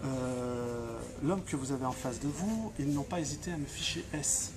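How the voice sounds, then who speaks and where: Speaking at a moderate pace with a medium-pitched voice, an activist from Franche-Comté responds to interview questions. He is impassioned and emphatic, frequently restarting and repeating himself.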